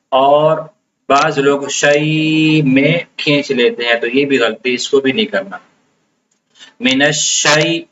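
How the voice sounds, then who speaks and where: A man teaches the pronunciation of recitation in a calm, explanatory way, stretching and repeating words to demonstrate them. His voice sits at a middle pitch. The recording sounds dull and lo-fi, with a faint hum of background noise. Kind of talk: pronunciation lesson.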